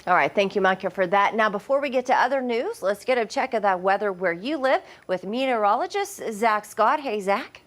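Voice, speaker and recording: A woman's voice: mid-range voice, animated, fairly quick, hardly any pauses, fairly bright tone. Woman, local TV news anchor, scripted delivery, mid-range voice.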